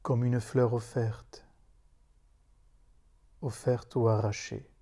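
A meditation leader recites his own solemn poem in a very mellow, dark, medium-pitched voice. He speaks slowly and meditatively, leaving grave pauses between short phrases. His intonation remains flat and even throughout.

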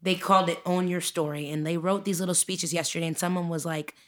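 A young woman co-hosting a podcast, talking in a casual, animated way and often laughing as she tells stories. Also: on the low side, quick pace. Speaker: podcast co-host. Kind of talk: casual chat.

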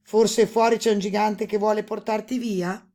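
A woman voicing a calm, kindly old king speaking to his daughter in a storybook reading. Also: mid-range voice, normal speed, close to an everyday voice. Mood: gentle.

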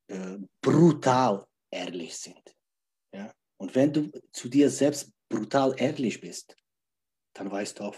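A man's voice: lowish voice, a little mellow. A man talking as a podcast guest, emphatic, repeating key phrases and checking in with "ja?" again and again. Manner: emphatic, keeps asking "ja?" to check in. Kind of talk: podcast conversation.

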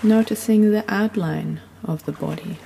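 A woman giving soothing, unhurried sleep story narration, gently guiding the listener through relaxation. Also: fairly low pitch, gravelly. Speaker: guided sleep meditation narrator. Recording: long reverb, audible background noise.

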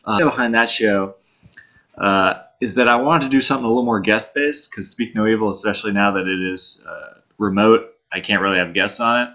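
A young man from New York rambles easygoingly as a podcast guest. His voice is low yet bright and forceful, and the sound is a bit dull and lo-fi. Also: a little fast. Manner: easygoing, rambling, many fillers. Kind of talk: casual podcast chat.

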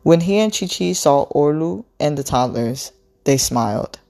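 A woman reading a novel aloud in a slow, expressive storytelling way. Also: low-pitched, vocal fry. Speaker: book reader.

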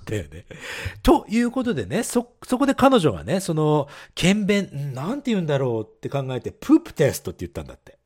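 A man's voice: on the high side, huge pitch swings, quick pace, few pauses, a little mellow. A man co-hosting a casual podcast, reading listener letters, laughing often and explaining English phrases. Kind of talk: casual bilingual chat.

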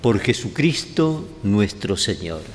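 A cathedral echo with long reverb and clear background noise surrounds a man leading solemn prayer. He speaks slowly at a medium pitch, pausing between short phrases as he gives blessings. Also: very animated. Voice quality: echoing cathedral sound. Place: large cathedral, indoors.

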